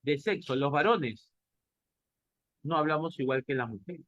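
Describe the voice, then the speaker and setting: A man's voice: on the high side, a little slow, fairly bright tone, dry recording, muffled recording. A man from Peru with a Peruvian Spanish accent, lecturing a class and answering his own questions. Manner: asks the class questions and answers them himself. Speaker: teacher.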